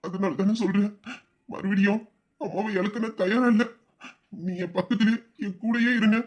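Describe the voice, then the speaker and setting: A man voicing a loving, protective young elder brother in an audio story, speaking softly and from the heart. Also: high voice, fairly even intonation, moderate pace. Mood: tender. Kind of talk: emotional audio-drama acting.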